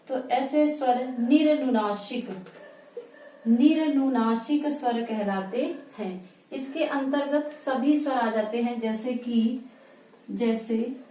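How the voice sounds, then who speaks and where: A woman teaches a grammar lesson at a whiteboard, drawing out and repeating each word as she writes. Her voice is soft and mellow, a little high. She is some way from the mic in an echoey room. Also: recorded from a distance. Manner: slow, repeats words while writing. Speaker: Hindi teacher.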